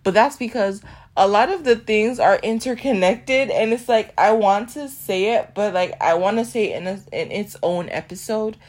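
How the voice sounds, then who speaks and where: A woman's voice: mid-range voice, moderate pace, a little mellow. A young woman hosting her own podcast, rambling and self-deprecating in a casual solo chat, often laughing and trailing off. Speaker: podcast host. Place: at home.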